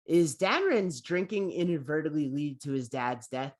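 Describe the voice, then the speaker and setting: A man's voice: on the high side, expressive, normal speed. Man hosting a casual interview. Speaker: interview host. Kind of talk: casual chat. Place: home room, video call.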